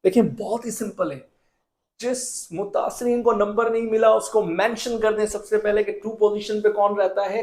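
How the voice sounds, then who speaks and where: High-voiced man teaching chemistry. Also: mellow. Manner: asks questions and answers them himself, repeats key rules. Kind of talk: classroom lecture.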